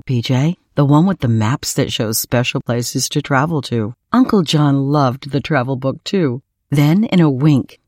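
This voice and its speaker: A woman reading a children's bedtime story aloud in a soft, gentle way. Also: sits low, dry recording, clean studio sound.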